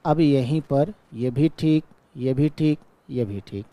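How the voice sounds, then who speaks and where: In a dry recording, a man's mellow, mid-range voice patiently explains grammar for an exam-prep class. He keeps making sure his students are following, and he says his English example sentences at a very slow, stretched-out pace.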